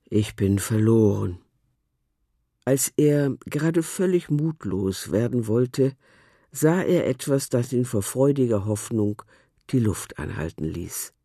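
Storybook narrator, slow, breathy, lively melody, dry close sound. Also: medium pitch, no room sound.

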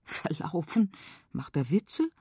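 A woman voicing a curious young girl in a children's radio story, with a bright, eager manner. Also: sits low, big pitch swings, takes it slowly, breathy edge, no room sound, clean studio sound, heavily acted. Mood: puzzled.

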